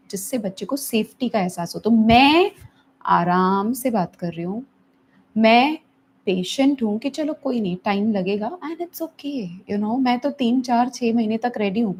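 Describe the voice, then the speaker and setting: A woman's voice: fairly high pitch, lively intonation, normal speed, a little mellow, slight background noise. A middle-aged woman therapist who answers viewers' questions in a live teaching session, mixing English phrases into her Hindi. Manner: mixes English phrases into Hindi, acts out stressed parents in a raised voice.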